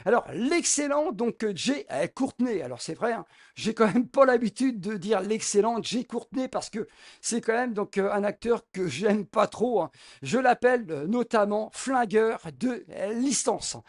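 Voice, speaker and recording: A man's voice: high voice, animated, unhurried. A man reviewing a film in a casual vlog, talking with constant hesitations, fillers and restarts. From France. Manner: hesitant, heavy filler words, many restarts. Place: home room with film posters behind.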